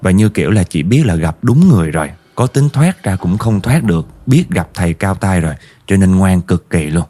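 A man's voice: sits low, expressive, moderate pace, hardly any pauses, mellow. A man with a Southern Vietnamese accent narrating a ghost story vividly, speaking directly to his listeners. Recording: faint background music.

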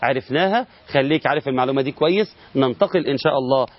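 This recorded Quran recitation lesson features a middle-aged man with an Egyptian Arabic accent, racing along at medium pitch as he explains rules step by step, answers his own questions and stretches out sample words. There's no room sound, and the audio is dull.

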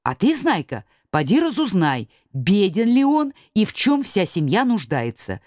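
A woman's voice: mid-range voice, big pitch swings, a little slow, a little mellow, no room sound, studio quality, voice pushed up. A woman voicing a sensible tiny male elf who earnestly hands out tasks to his friends.

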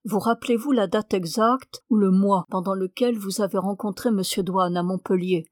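A woman's voice: mid-range voice, moderate pace, no echo, natural voice. An earnest male reporter who keeps asking careful questions, read by a woman. The recording is close and dry. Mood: probing. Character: probing male newspaper reporter.

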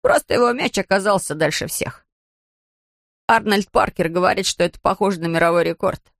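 A woman voicing a lively young schoolboy in a storybook, excited and chatty. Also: mid-range voice, fairly quick, creaky, dry recording, studio quality, lightly acted.

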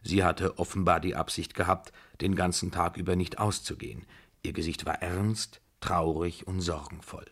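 Deep-voiced male narrator. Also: fairly even intonation, moderate pace, slightly rough. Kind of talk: scripted narration of a novel.

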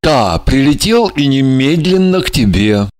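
An earnest, dignified man, as a man acts him, speaking slowly in a plain middle voice. He sounds gentle and devoted, with a dry, close sound, like a figure in a read-aloud story. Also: mid-range voice, big pitch swings, no echo. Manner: earnest, measured.

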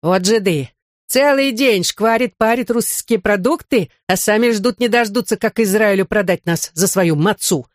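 A woman narrates an audiobook in a natural mid-range voice at normal speed, raising her pitch above her own to play a spiteful, dried-up old wife who screeches venomous abuse. The recording is dry, with clean studio sound.

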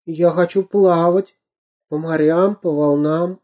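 A storyteller voicing a timid, frightened little boy in a storybook reading, pleading in a high, plaintive voice. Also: steady tone, slow, dark tone, natural voice. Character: scared little boy sailor, timid and tearful.

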